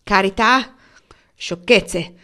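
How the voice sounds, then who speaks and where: A woman reading aloud, voicing a gruff, angry old uncle who grumbles loudly and indignantly. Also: medium pitch, sing-song, moderate pace.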